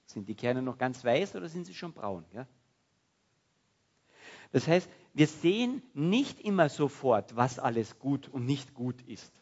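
A man preaching a sermon in a lively, conversational way. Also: medium pitch, a little slow, husky, dull audio. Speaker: pastor.

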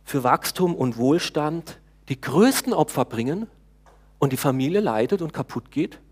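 A man giving a sermon in a conversational way, often pausing with hesitations and speaking directly to his congregation. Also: on the high side, lively intonation, darkish tone, husky. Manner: conversational preaching, talks to the congregation, frequent hesitations. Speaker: preacher.

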